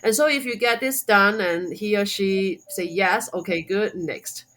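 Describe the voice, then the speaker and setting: A woman's voice: medium pitch, measured pace, fairly bright tone, low-quality recording. Hong Kong woman, hesitant non-native English. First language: Cantonese. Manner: non-native English with many fillers, restarts and laughs. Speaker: guest, homeschooling mom and blogger. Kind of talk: podcast interview.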